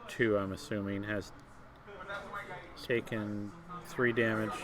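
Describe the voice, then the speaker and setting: A man's voice: fairly low pitch, little pitch movement, slow pace, crowd noise. A man commentating live on a tabletop miniatures game, talking casually with fillers and restarts. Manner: conversational, hesitant with fillers and restarts. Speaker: tournament commentator.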